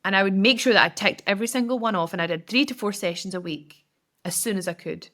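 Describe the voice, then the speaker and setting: A woman's voice: medium pitch, fast, sharp tone. Chatty woman coaching. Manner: chatty, direct, filler-heavy with frequent "like". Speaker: business coach and podcast host. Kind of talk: casual solo podcast advice.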